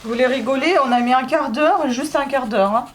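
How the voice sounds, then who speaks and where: A woman's voice: high voice, a little fast, a little hiss or hum. A woman vlogging casually while building a craft, joking and grumbling with lots of asides. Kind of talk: casual chat vlog.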